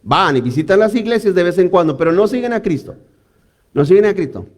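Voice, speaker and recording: High-voiced man preaching with animated energy. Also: a little fast. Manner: animated preaching with frequent audience prompts. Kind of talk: sermon.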